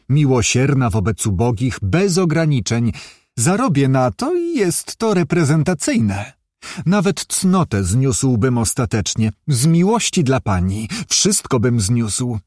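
A man voicing a worldly, wealthy industrialist who blusters and pleads in a fussy, animated way. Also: mid-range voice, no echo, clean studio sound. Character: rich, worldly, flustered male industrialist.

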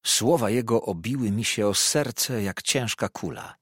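A man narrating a novel as an audiobook in an expressive, animated reading. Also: on the low side, measured pace, husky, no room sound, studio quality. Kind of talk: scripted narration.

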